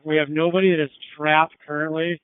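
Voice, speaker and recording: A man's voice: a little high, level tone, brisk, smooth, no room sound. A man, a firefighter officer, giving clipped, urgent, businesslike status reports over a two-way radio. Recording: narrow-band two-way radio transmission.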